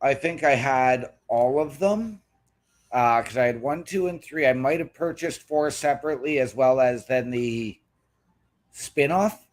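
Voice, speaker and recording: A man of ordinary pitch co-hosting a casual podcast. He is laid-back and speaks in short, easygoing replies. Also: measured pace. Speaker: co-host.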